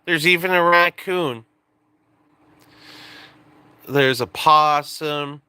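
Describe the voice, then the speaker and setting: A man in his late twenties chats casually on a live stream, joking and rambling and often stopping mid-thought to restart. His voice is a little high, with drawn-out words and a pushed, bright tone, and the clean recording has no echo.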